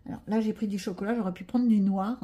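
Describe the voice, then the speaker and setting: A woman with a French accent talks fast in a mellow, steady, medium-pitched voice as she narrates a casual coloring tutorial. She thinks aloud, jokes about herself and explains each step, and the audio sounds dull.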